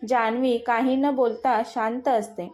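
A woman's voice: a little high, steady tone, unhurried, darkish tone. A woman narrating a romantic story and reading every character in her own voice.

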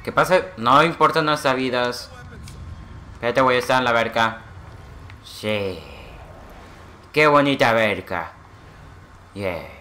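A man giving excitable gameplay commentary, swearing and making gun noises. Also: mid-range voice, slow, long pauses, slight background noise. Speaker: gamer playing a shooter.

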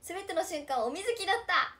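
A Japanese idol livestreamer in her twenties from Nagasaki chats casually in her local dialect while reading viewer comments, giggly and bubbly. Her very high voice is animated and sharp, at a normal speed.

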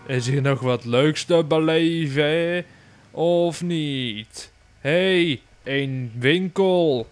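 A young man with a Dutch accent giving casual gameplay commentary, excitable and swearing often, bursting into shrieks. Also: on the high side, drawn-out words. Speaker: gaming YouTuber.

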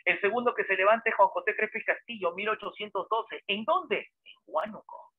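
A man, a history teacher giving a lively lecture full of dramatic storytelling and rhetorical questions, heard over a tinny phone-like line. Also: high voice, a little fast, breathy edge, no room sound. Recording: dry, tinny phone-like sound.

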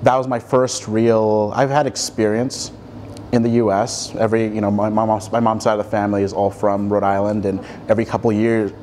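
A young man with a low voice talks about himself in a quiet studio, pausing often with ums and restarting sentences as he thinks. His delivery is relaxed and unhurried. A faint hiss sits under the recording. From Ethiopia, raised across Africa. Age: 20s. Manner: thoughtful, many ums and restarts. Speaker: guest artist. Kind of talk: relaxed interview answers. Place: dim studio with armchairs.

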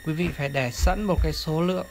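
A channel host narrates a screen tutorial step by step, talking fast at medium pitch. The host is polite, addresses viewers formally, and points out each step on screen, over clear, steady background noise.

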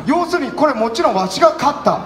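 Man playing Hideyoshi, a high-pitched excitable old samurai. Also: fast talker. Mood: proud storytelling. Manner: animated, folksy old-man speech, projected. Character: excitable, self-deprecating grubby old samurai warlord. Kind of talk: live comic stage samurai performance. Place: festival stage at night. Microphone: headset through PA. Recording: echoey stage PA with background noise.

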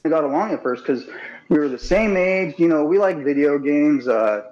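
Late-thirties male guest, slightly higher voice, coarse and blunt, lo-fi call sound. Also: expressive, moderate pace, a little mellow. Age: late 30s. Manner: blunt, heavy swearing, stammering restarts. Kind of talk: casual call interview.

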